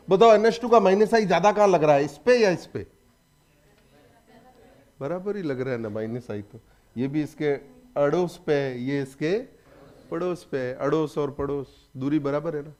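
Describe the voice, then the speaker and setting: Male chemistry teacher, high voice, brisk and quizzing. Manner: lively, prods students with quick questions. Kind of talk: classroom lecture.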